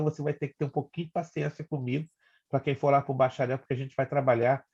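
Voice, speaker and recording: Brazilian pastor teaching on a lo-fi call. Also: male voice, mid-range voice, darkish tone. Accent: Brazilian Portuguese. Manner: chatty, teasing, explains step by step. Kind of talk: online Bible class lecture. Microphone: video call. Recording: lo-fi video call audio.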